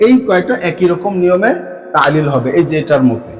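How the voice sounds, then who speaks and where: A male teacher with a Bangladeshi Bengali accent walks students through a grammar lesson. His voice sits somewhat high, and he keeps checking in with rising questions. The sound carries a long reverb, as if recorded in a hall. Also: expressive, soft background music. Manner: counts through items slowly, repeating forms. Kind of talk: classroom lesson explaining grammar.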